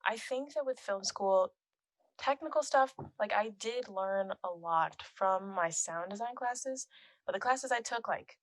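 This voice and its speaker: A young woman, a film composer and musician, chats as a podcast guest in a naturally soft, quiet voice of medium pitch. She speaks unhurriedly and easily, laughing often and leaning on "like." The close microphone gives a dry recording with no room sound.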